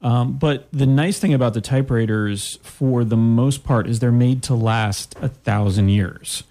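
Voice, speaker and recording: A man's voice: mid-range voice, a little slow, mellow. A man being interviewed, explaining his hobby in a casual, easygoing way with dry humor. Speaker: interview guest, typewriter hobbyist.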